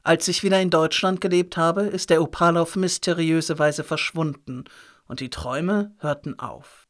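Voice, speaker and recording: A man voicing an older grandfather who tells a strange family story in a slow, measured, grave way. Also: fairly high pitch, steady tone, fairly bright tone, lightly acted.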